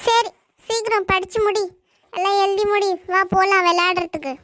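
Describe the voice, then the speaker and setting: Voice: extremely high pitch, fairly even intonation, normal speed, sharp tone. A performer voicing a teasing, bossy girl in a family comedy cartoon, explaining things matter-of-factly and giving orders. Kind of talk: family comedy skit dialogue.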